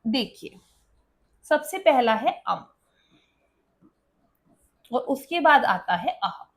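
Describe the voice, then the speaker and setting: A woman's voice: high voice, very animated, very slow. A woman teacher explaining a school lesson, often asking students a question and then answering it herself.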